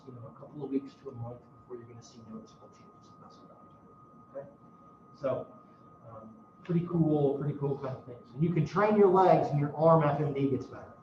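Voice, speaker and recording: A man's voice: a little high, noisy background. A man lecturing a university class in a casual, self-mocking way, swearing now and then. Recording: roomy, distant, dull classroom recording.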